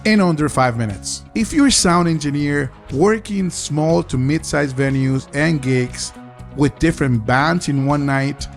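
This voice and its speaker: A man's voice: on the high side, creaky. A man narrating a scripted live sound tutorial, upbeat and talking straight to the viewer. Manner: upbeat, direct, talks to the viewer. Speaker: live sound engineer teaching mixing.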